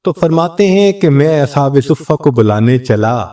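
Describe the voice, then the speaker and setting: A man's voice: on the high side, lively intonation, warm tone. Man preaching a story-driven sermon, distant. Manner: storytelling, acting out quoted exchanges. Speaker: religious scholar.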